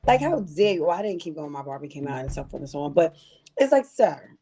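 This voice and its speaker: A woman co-hosting a casual podcast, telling stories in an animated way and jumping between tangents. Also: deep voice, fast talker, over music. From California. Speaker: podcast co-host. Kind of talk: casual chat.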